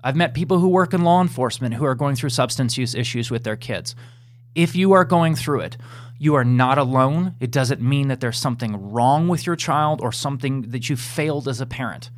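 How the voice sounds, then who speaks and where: Closing out his show, a male podcast host reads the outro with earnest encouragement, his medium-pitched voice moving at a fairly quick pace.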